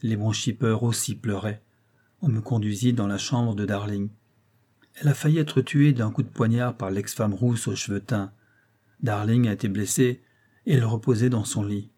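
A man's voice: lowish voice, fairly even intonation, moderate pace, warm tone, close to an everyday voice. A man reading an audiobook voicing a loyal male informant who reports eagerly and confidingly to his chief. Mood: reporting.

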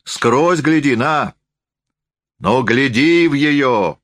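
A man voicing a drunk, menacing old male forester who speaks hoarsely in slurred folksy speech. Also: medium pitch, animated, drawn-out words, a bit bright, no echo, clean studio sound, voice pushed up. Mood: drunk blustering.

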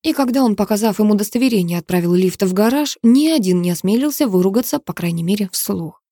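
Mellow woman narrating an audiobook. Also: medium pitch, fast talker, dry recording, clean studio sound. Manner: steady, dramatic storytelling. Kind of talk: scripted narration.

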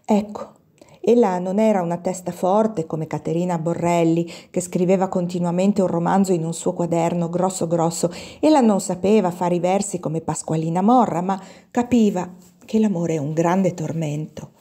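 A woman reading an audiobook in a calm, measured way, with slow pauses. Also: fairly low pitch, slightly rough. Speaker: audiobook reader. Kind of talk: audiobook narration.

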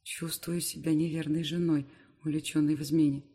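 A male audiobook reader narrating a novel in the first person. His voice sits slightly high. The delivery is steady and scripted. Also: a little fast.

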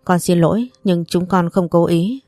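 A woman's voice: lowish voice, moderate pace, mellow, no echo, clean studio sound, soft background music, close to an everyday voice. A woman voicing a humble young mother who pleads and apologizes. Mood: pleading.

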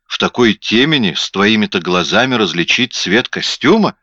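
A man reading an audiobook, voicing a sharp, nagging middle-aged wife who scolds her husband. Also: lowish voice, big pitch swings, normal speed, no room sound, dull audio, full character voice. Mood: scolding.

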